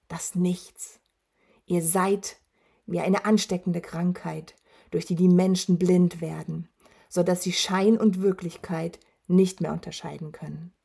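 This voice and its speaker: A woman's voice: lowish voice, fairly even intonation, unhurried, mellow, exaggerated voice. A woman voicing a huge, dying male werewolf who taunts with a rattling, wheezing voice. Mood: gloating menace. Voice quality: rattling, rasping voice. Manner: taunting, gloating. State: wheezing, labored breath.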